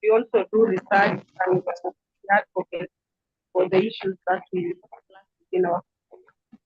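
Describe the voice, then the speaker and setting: A woman's voice: medium pitch, very animated, slightly rough, no echo. Kenyan woman on a dull video call. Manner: earnest, halting, with many fillers. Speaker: community organization founder. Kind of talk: self-introduction on a video call. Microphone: video call with a weak connection.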